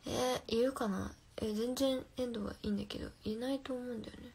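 A woman's voice: fairly high pitch, fairly even intonation, a little fast, vocal fry, darkish tone, breathy edge. A young woman hosting a casual phone livestream, reading viewer comments aloud and answering playfully, often dropping to a whisper. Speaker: livestream host.

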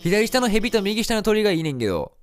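A man's voice: high voice, very animated, soft background music. A man with a Kansai accent giving casual, joking commentary while playing a game. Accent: Kansai Japanese. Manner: joking, quick reactions. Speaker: let's play host.

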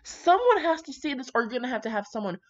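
High-voiced and very lively, a woman races through fan fiction in a relaxed reading style, peppering it with her own sweary, brash tangents. The sound is lo-fi and slightly dull, recorded at home.

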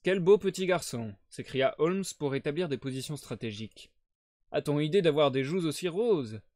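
A man doing a brisk, reasoning detective. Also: fairly high pitch, animated, darkish tone, no room sound, clean studio sound, close to an everyday voice. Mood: coaxing. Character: sharp, self-assured male detective, middle-aged.

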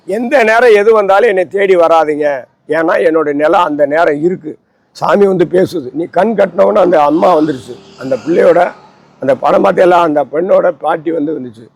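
A man's voice: high-pitched, dry recording, low-quality recording. A man speaks as an ascetic holy man, outdoors beneath a tree. His talk is rambling and preachy, circling back to his grievances as he lectures. It is an impassioned interview monologue. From Tamil Nadu.

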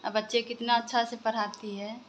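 Filming a home vlog indoors on a phone at arm's length, this woman chats easily and breaks off now and then to talk to her kids as she goes from kitchen to bedrooms. She speaks at a normal speed in a level tone, her pitch on the high side. There's slight background noise.

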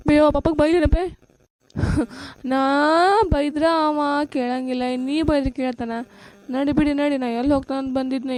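A woman's voice: high voice, dark tone, close to an everyday voice. A woman voicing a worn-out village mother with a North Karnataka Kannada accent, pleading and scolding about her drinking husband in a cartoon. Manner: pleading, scolding, weary complaint. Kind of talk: cartoon voice acting.

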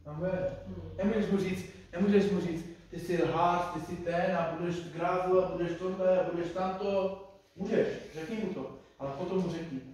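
A middle-aged man preaches an informal sermon, his fairly high voice bouncing around a very echoey church hall. He sits well back from the mic and talks conversationally, repeating himself and turning to the audience with questions. A faint hiss lies under the sound. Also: fairly even intonation, a little mellow. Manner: conversational, repeats phrases, addresses listeners directly. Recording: echoey room, distant mic.

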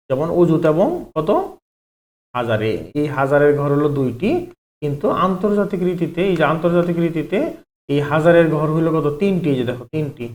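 A man's voice: a little high, darkish tone. A man, teaching an online math lesson step by step, asking questions and then answering them himself. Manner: explains step by step, asks and answers his own questions, repeats "ঠিক আছে".

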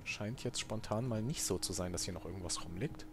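A man's voice: low-pitched, fairly quick. A man giving casual, joking commentary while playing a video game, with sarcastic asides. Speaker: let's player.

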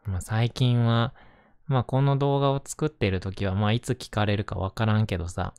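A man with a Kansai accent talking gently and casually in a reassuring, intimate ASMR bedtime style, close to the microphone. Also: fairly low pitch, level tone, moderate pace, clean tone, dry recording. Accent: Kansai Japanese. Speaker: host reading bedtime picture books to listener.

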